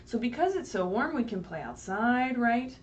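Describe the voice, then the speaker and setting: Reading a picture book aloud to young children, a woman with a fairly high, sing-song voice keeps a moderate pace and patiently explains things simply. She often asks questions and checks in with "right?". Picked up by a distant mic on a livestream, the audio has faint background noise and cut-off highs.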